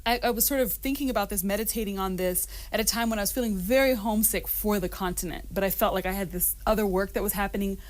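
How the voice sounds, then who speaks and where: A woman guest on a radio show talks thoughtfully in a studio, reflective and sincere. Her speech is dotted with ums and soft laughter. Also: mid-range voice, quick pace, hardly any pauses. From Rwanda and Uganda, raised mostly in the United States. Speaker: guest singer-songwriter.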